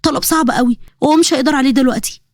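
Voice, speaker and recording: A young woman caught between her fiancé and her father, hurt and pleading in an Egyptian accent, as a woman plays her. She speaks very fast in a slightly high voice. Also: no room sound, clean studio sound.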